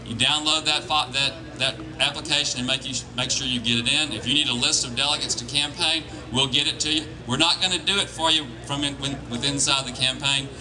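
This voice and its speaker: A plain-spoken man giving an informal political speech as a campaign organiser, with halting restarts. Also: mid-range voice, fairly even intonation. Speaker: campaign organiser addressing volunteers. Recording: crowd noise behind live speech. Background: crowd.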